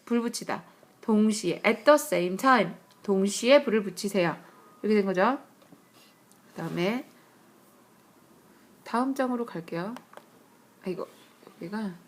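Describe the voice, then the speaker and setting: A woman teaching English grammar on a screencast, explaining patiently, asking rhetorical questions and reading English examples slowly. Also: medium pitch. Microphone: tablet screencast mic.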